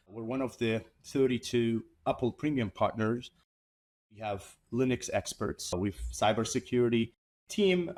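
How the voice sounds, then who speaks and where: A man from Iraq, founder of an IT services company, speaking earnestly as an interview guest with a few repeated starts. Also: on the low side. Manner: earnest, steady, some repeated word starts. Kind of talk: conversational interview.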